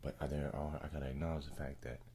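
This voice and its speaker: A man with an exceptionally deep, hushed voice full of gravelly creak. He rambles softly and casually as an ASMR host, halting and slangy. A faint-to-clear hiss sits behind him. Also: level tone. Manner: laid-back, halting, slangy and profane. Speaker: ASMR video creator and host. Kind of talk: soft-spoken ASMR, casual rambling chat.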